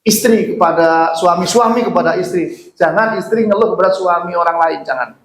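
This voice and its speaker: A man's voice: high-pitched, a little fast. A man preaching a sermon as pastor, joking and putting questions to his congregation. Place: church hall. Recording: echoey church hall.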